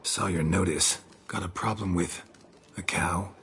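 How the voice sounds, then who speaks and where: A man voices a weary monster hunter for hire in a game fan dub. He speaks in a low voice and in clipped, dry phrases, never wasting a word. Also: fairly even intonation, measured pace, a bit bright, slight background noise. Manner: clipped, dry, few words.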